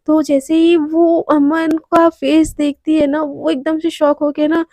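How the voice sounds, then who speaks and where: A woman's voice: high-pitched, level tone, takes it slowly, a little mellow, dry recording. Chatty young woman telling a story. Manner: chatty, addresses the listener. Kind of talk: casual spoken storytelling.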